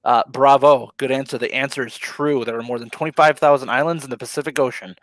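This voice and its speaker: A man co-hosting a casual live stream, relaxed and laughing easily, with plenty of ums. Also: medium pitch, fast, no echo. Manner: laid-back, laughs often, many ums. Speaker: co-host of a live ocean talk stream.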